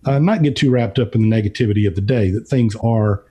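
A man giving unscripted podcast commentary, thinking aloud in a halting way with repeated words. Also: fairly low pitch, dark tone, slightly rough. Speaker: podcast's featured financial commentator.

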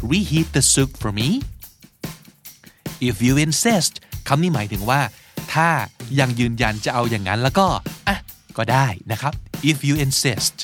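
A man hosting a language podcast, chatting and then slowly modeling English restaurant phrases in a bilingual lesson. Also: medium pitch. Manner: lively, slow careful English model phrases.

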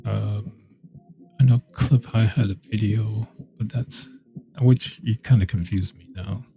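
A man's voice: lowish voice, steady tone, unhurried, creaky. A man hosting a casual solo podcast, rambling and meandering with many fillers and restarts. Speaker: podcast host.

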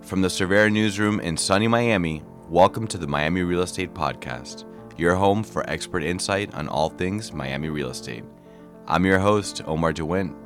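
A man's voice: low voice, moderate pace, fairly bright tone, soft background music. A man hosting a podcast, reading a polished, upbeat intro and then asking interview questions. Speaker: podcast host.

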